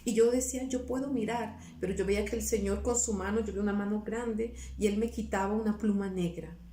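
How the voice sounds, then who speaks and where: Repeating herself and quoting pleas she once made, a woman shares an emotional, earnest testimony. She talks fast in a warm, steady mid-range voice, captured from a distance in a roomy space with a little hiss or hum.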